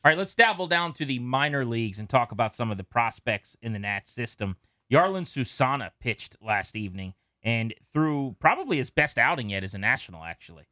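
A man co-hosting a casual sports podcast, chatty and relaxed as he runs through stats. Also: medium pitch, a little fast, hardly any pauses, dry recording, studio quality. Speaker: podcast co-host.

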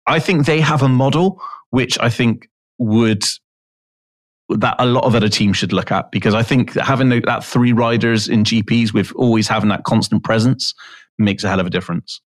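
A man co-hosting a podcast, chatting casually with quick, easygoing reactions. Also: medium pitch. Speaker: podcast co-host. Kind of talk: casual chat.

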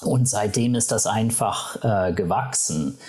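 A man from Canada, a native English speaker, giving spontaneous interview answers in German with a North American accent and halting, hesitant phrasing. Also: on the low side, darkish tone. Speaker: university vice president, interview guest.

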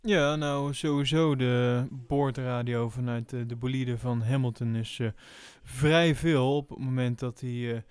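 A man hosting a podcast in casual chat, halting with frequent fillers. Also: mid-range voice, steady tone, a little mellow, smooth, no room sound. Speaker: podcast host. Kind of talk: casual chat about motor racing.

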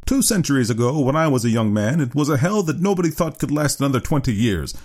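A man's voice: medium pitch, expressive, quick pace, a little mellow, pitched above the performer's own voice, lightly acted. A man voicing a genial, self-assured old doctor in a story reading, lecturing with emphasis. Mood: smooth, reassuring. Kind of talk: dramatised short story reading.

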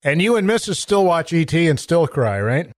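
A male interviewer in casual chat, teasing his guest and quick to laugh. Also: fairly high pitch, big pitch swings.

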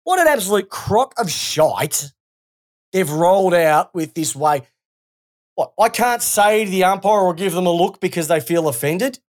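A woman's voice: on the low side, animated, normal speed. A woman with an Australian accent co-hosting a casual sports podcast, ranting and swearing freely. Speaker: podcast co-host.

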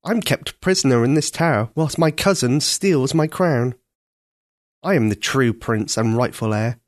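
A man's voice: mid-range voice, animated, measured pace, no room sound, clean studio sound, close to an everyday voice. A man reading a storybook aloud, voicing a sorrowful, noble young prince who speaks plaintively and formally.

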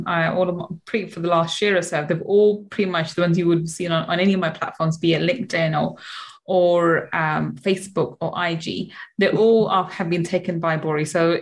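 A woman hosting a podcast interview, talking in an effusive, gushing way. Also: mid-range voice. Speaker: podcast host.

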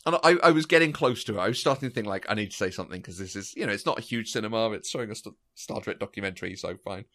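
A man's voice: fairly low pitch, very fast. A man co-hosting a podcast, chatting casually and telling stories with lots of fillers and restarts. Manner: chatty, animated storytelling with frequent fillers and restarts. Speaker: podcast co-host. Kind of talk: casual chat.

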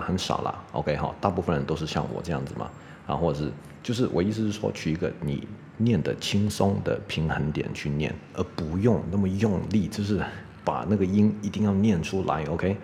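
A middle-aged man teaching English pronunciation on a podcast, chatty and relaxed, tagging "OK?" onto his sentences. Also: deep voice, in a large hall, a little hiss or hum. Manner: relaxed, chatty, peppers speech with "OK?".

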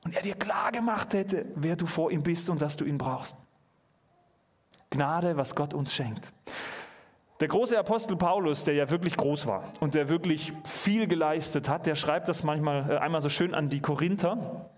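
A man preaching to a youth congregation in a church hall, speaking with a fairly high voice. He is earnest and keeps turning to his listeners with direct questions. When a point matters he climbs higher and speeds up. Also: moderate pace. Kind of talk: sermon.

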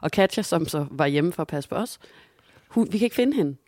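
A woman's voice: fairly low pitch, no room sound, studio quality. A young woman co-hosting a podcast, telling a story in a casual chat and acting out the quotes. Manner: animated storytelling, acts out quotes. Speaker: podcast co-host.

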